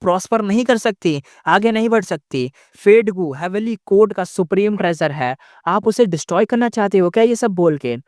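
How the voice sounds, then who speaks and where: A man voicing anxious male court immortals who plead for calm in a placating way. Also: high-pitched, moderate pace, no room sound, studio quality, pitched above the performer's own voice.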